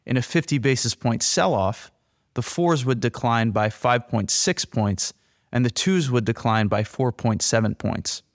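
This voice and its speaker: Male finance podcast host, medium pitch, scripted read, dry recording. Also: unhurried, dry recording.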